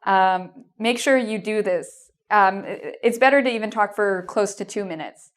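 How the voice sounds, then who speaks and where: This Canadian woman, an English teacher, has a mid-range voice and speaks at a moderate pace. Her video lesson gives exam tips in a reassuring, encouraging way, with plenty of "um" and repeated "okay?" checks.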